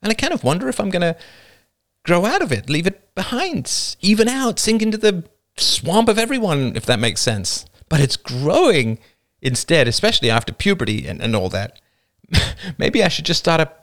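A man voicing a restless, punchy teenage girl in an audiobook reading, animated and self-mocking. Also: high-pitched, normal speed, voice pushed up. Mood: spirited.

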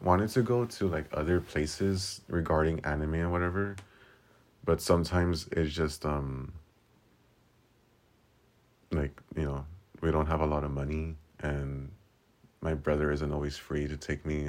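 A man's voice: rumbling low, steady tone, a little slow, a little mellow. A twenty-year-old man from California, talking alone in a rambling, casual way, full of "like" and swearing. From Southern California. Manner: rambling, filler-heavy with lots of "like" and frequent swearing. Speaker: podcast host. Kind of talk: casual solo monologue.

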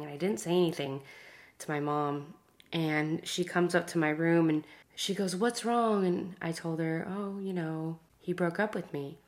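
Her voice sits low: a woman in her thirties hosting a podcast, addressing listeners directly. The personal monologue is sincere and uplifting, occasionally sinking into a gentle whisper.

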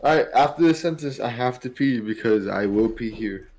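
A man's voice: medium pitch, moderate pace, darkish tone, poor audio. A man co-hosting a podcast, joking around and often restarting his sentences. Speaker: podcast co-host. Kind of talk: casual podcast banter.

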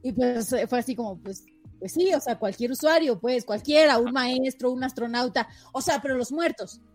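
A woman's voice: fairly high pitch, a little mellow, faint music behind. A woman, chatting on a panel and laughing often as she tells a tech news item. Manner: laughing, chatty, quick asides. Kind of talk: casual panel chat.

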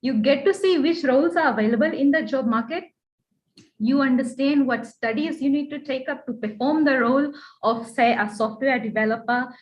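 A woman's voice: high voice, normal speed. A woman with a Fijian accent giving a prepared presentation as a guest speaker, earnest and advisory. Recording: dull online call audio.

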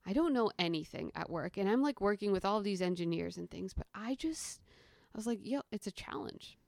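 Young woman, podcast guest; casual, animated storyteller, mid-range pitch, acts out the quotes, dry recording. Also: a little fast, creaky, no room sound.

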